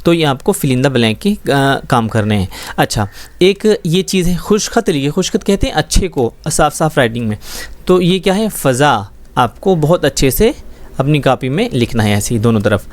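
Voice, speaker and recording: A man's voice: medium pitch, big pitch swings. A man teaching a schoolbook Urdu lesson, explaining words patiently and often checking that students follow. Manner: patient, explains slowly with frequent check-ins.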